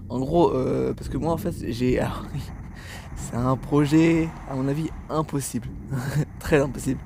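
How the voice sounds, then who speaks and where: A man's voice: on the high side, vocal fry, warm tone, slight background noise. A tired young man commentating his gameplay casually, rambling, stammering and swearing as he plays. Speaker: gaming YouTuber.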